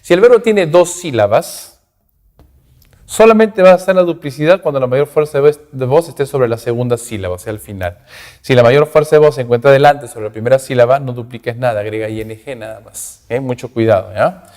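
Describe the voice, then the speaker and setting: A man gives a grammar lesson in at an ordinary middle pitch. He breaks each rule into small steps and keeps asking his students if they follow. His voice carries a long reverb, as if recorded in a large hall. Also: fairly quick, a little mellow. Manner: explains step by step with frequent "¿ok?" and "¿no?" checks. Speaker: English teacher.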